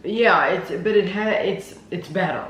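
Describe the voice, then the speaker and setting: A man's voice: high voice, measured pace, fairly bright tone. A man reviewing food in a casual taste-test chat. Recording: roomy echo with clear background noise.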